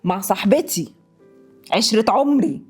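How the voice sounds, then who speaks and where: An actress voicing a jealous, dramatic young wife in a comedy sketch, with an Egyptian Arabic accent and a sarcastic, shrill way of talking. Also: female voice, sing-song, normal speed, a little mellow, breathy edge, faint music behind. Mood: bitter pleading.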